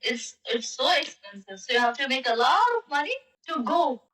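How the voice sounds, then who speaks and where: A woman's voice: sits high, lively intonation, normal speed, bright, forceful tone, recorded from a distance. A woman chatting casually on a live-stream app, speaking in a playful, teasing manner. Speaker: language exchange chat partner. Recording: echoey and off-mic.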